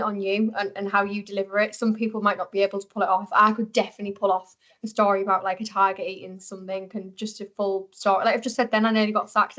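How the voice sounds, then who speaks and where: Young woman podcast host, chatty, pretty flat intonation, lots of like and isn't it, casual. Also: mid-range voice. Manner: chatty, uses frequent tag questions and likes.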